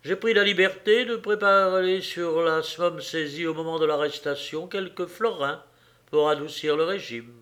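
A man's voice: on the high side, normal speed, a bit bright, pitched above the performer's own voice, natural voice. A man voicing a stiff, formal Austrian police officer who speaks with rigid politeness. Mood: stiffly polite.

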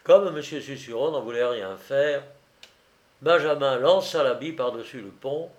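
A man narrating a classic novel in a measured storytelling manner. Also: medium pitch. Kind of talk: audiobook narration.

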